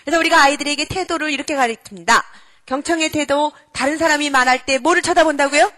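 A middle-aged woman giving a lively lecture to an audience. She quizzes her listeners and acts out children and parents as she goes. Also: high voice, quick pace, dry recording. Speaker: character-education lecturer.

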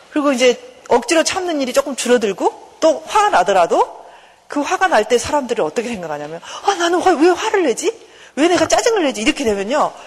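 A woman professor giving a lecture, lively and acting out inner dialogue. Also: mid-range voice, slightly rough, in a large hall.

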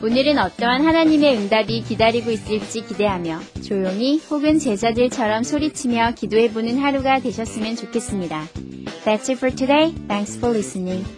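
Clear, patient woman radio teacher. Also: on the high side, music in the background. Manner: clear, patient and explaining, reads English sentences slowly. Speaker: radio English teacher and host. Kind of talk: scripted radio lesson.

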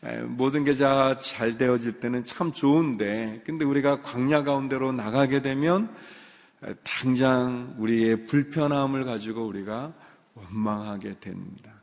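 A man preaches a sermon in a church sanctuary, his voice gravelly with a mid-range pitch. He tells a story in an easy, conversational way, then builds to emphatic high points. A long reverb from the large hall trails behind each phrase. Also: unhurried. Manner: storytelling, rising to emphatic peaks. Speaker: pastor.

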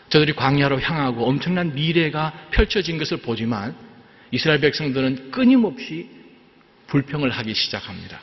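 A man, a pastor, preaching a sermon in an animated way, dramatizing scripture with acted quotes. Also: a little high, big-room sound, muffled recording. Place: church sanctuary.

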